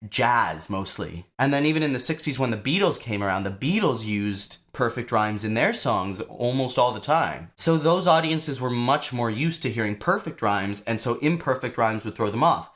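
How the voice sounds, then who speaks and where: Young man, songwriting lesson, casual and chatty, animated delivery, mid-pitched voice. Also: normal speed, few pauses. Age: young adult. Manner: lively, chatty, with asides and small laughs. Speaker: songwriting teacher.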